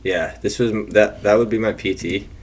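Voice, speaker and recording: A man reviewing his trades over a chart, thinking aloud in a casual walkthrough with restarts and the odd throat clearing. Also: lowish voice, moderate pace. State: has the hiccups.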